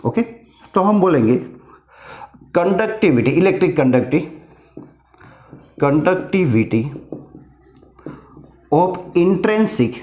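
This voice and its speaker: A man's voice: a little high, dark tone. A middle-aged man teaching a physics lesson, explaining step by step and mixing in English terms. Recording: echoey room.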